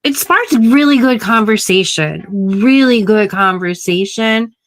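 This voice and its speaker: A woman's voice: mid-range voice, expressive, unhurried. A woman hosting a casual chat show, chatty and leading the questions to her guests. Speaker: podcast host.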